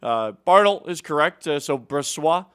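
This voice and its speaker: Upbeat guy running hockey headlines, teasing his cohost, smooth clear voice, kinda high. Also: lively intonation, normal speed, a bit bright. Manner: upbeat, teasing, lots of "uh" fillers. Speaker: show host. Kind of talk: casual sports news chat.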